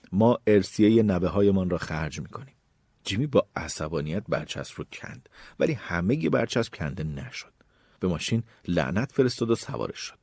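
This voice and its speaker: Male audiobook narrator: low, breathy voice with a lively, expressive read; dry close sound. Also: dry recording. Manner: expressive storytelling. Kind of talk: scripted narration.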